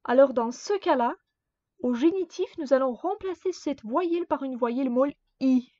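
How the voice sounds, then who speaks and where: A woman teaching a grammar lesson, speaking slowly and carefully and repeating each example word. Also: high-pitched, expressive, warm tone, dry recording. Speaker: Russian language teacher. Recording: dull dry lo-fi sound.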